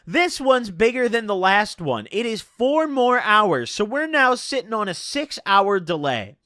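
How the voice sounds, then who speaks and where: A young man telling a casual personal story in laid-back stoner slang, swearing freely and punching his words with animated emphasis. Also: high voice, measured pace, dry recording, studio quality.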